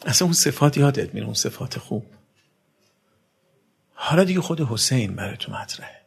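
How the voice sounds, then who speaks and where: A man preaching a sermon, swinging between loud emphatic outbursts and soft low passages, and asking his listeners questions directly. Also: sing-song, vocal fry, slightly rough. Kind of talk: religious sermon.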